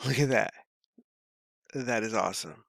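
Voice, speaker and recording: A man's voice: lowish voice, measured pace, creaky, a bit bright, no room sound, clean studio sound. A man from California talking casually to camera as a vlogger, rambling and easygoing with lots of fillers, his voice a bit worn. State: voice feels worn. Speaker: crypto vlogger.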